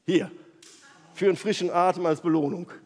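A man in a lively, animated style, retelling Bible stories to a group as its leader. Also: high voice, a little fast. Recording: long hall reverb.

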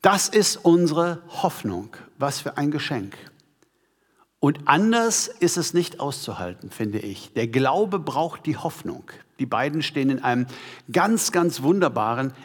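A man's voice: medium pitch, big pitch swings, a little slow. Emphatic male preacher in a reverberant hall. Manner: emphatic, rhetorical questions to the congregation. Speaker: pastor. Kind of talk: sermon.

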